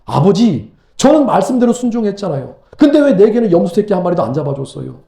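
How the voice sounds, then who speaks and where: A pastor acting out a resentful grown older brother who complains with indignation. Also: male voice, sits high, very animated, fast, vocal fry, mellow, roomy sound, full character voice. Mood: indignant. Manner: complaining, accusing tone.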